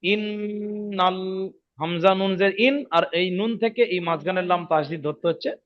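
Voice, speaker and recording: A man teaching Quran reading rules in an online lesson, patiently repeating each rule and checking if his students follow. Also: sits high. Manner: slows down and drawls when demonstrating recitation. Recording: dull lo-fi audio.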